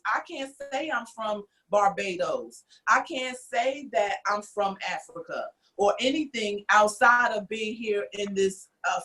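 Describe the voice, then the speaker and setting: On a laid-back podcast, this US host voices her views with earnest emphasis. She speaks in a somewhat bright voice that sits on the higher side.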